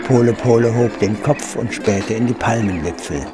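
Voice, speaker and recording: A man calmly narrating a children's story in a measured reading voice. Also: fairly low pitch, over loud music.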